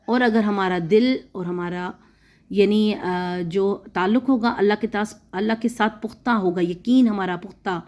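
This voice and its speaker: A woman teaching Quran recitation rules and translation, who repeats words slowly to model pronunciation. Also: medium pitch, a little mellow. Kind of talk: explanatory lesson.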